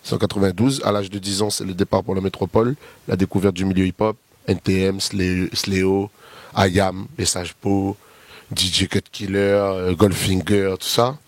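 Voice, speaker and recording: Low and flat, his voice moves at a moderate pace in a dry recording. He's a Réunionese guest artist in his thirties with a Réunionese French accent, casually chatting in an interview and wandering through long, filler-heavy lists.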